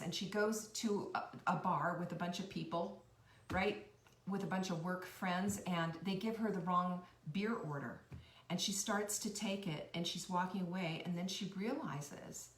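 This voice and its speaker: Woman, motivational talk, earnest, encouraging, repeats phrases, high bursts and near-whispers, echoey room, slightly distant mic. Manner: animated, swinging between high bursts and soft near-whispers. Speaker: host of a cooking and life-tips channel. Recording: roomy echo, a bit far from the mic.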